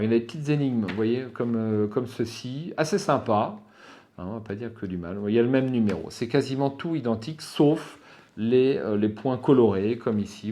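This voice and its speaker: A man's voice: lowish voice, darkish tone. A man hosting his channel, giving a casual spoken review with lots of fillers and restarts, frank and opinionated, muttering curses when he loses his thread. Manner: hesitant, many fillers and restarts, swears under breath when stuck. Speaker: channel host reviewing a gamebook.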